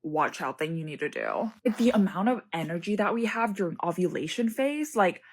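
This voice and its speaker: A woman's voice: on the low side, lively intonation, fairly quick, husky. A woman talking casually in a clip, chatty and full of "like" fillers. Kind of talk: casual interview answer.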